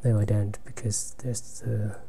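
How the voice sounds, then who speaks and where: A soft-spoken German man commentates his own online blitz chess game live, thinking aloud in a halting way and dropping almost to a whisper while he calculates. His voice is fairly low and flat, with some vocal fry and slight background noise.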